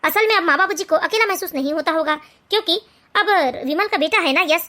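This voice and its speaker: A weary husband from an animated family drama, as a woman plays him, reasoning and exasperated. The lowered voice still sits high and bright. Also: fast.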